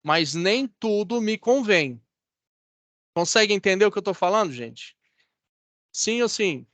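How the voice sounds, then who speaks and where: High-voiced Brazilian instructor on a video call. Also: male voice, lively intonation, a little slow, fairly bright tone, no echo. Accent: Brazilian Portuguese. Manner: conversational, checks in with students often. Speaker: course instructor. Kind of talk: online class lecture.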